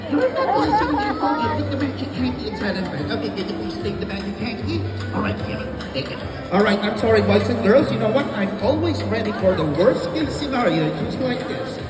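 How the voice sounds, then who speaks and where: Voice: medium pitch, animated, a little fast, hardly any pauses, distant mic. Echoey kids party magician hosting a live show. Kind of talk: live children's magic show patter, comic audience interaction. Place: large indoor shopping mall event space. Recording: echoey mall hall from afar, loud music and crowd.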